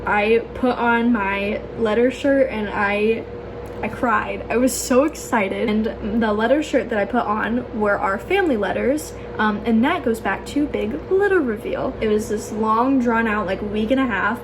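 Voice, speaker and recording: A woman's voice: fairly high pitch, measured pace. A young adult woman telling a personal story casually, as a vlogger, in a chatty, gushing way full of filler "like"s and exclamations. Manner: chatty, gushing, peppers talk with "like" and "oh my gosh". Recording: clear background noise.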